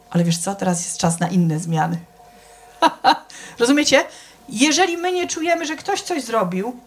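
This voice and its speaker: A middle-aged woman giving an informal sermon, chatty and conversational, often asking the audience if they follow and acting out the people she quotes. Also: mid-range voice. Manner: conversational, keeps checking with the audience; acts out quoted people with shifts in voice. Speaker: church speaker.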